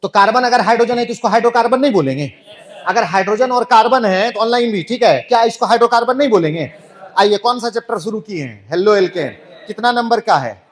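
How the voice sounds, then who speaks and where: Casting: a man as a joking chemistry tutor, high voice, online class. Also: expressive, fast talker. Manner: playful, jokey, full of rhetorical questions. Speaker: chemistry teacher.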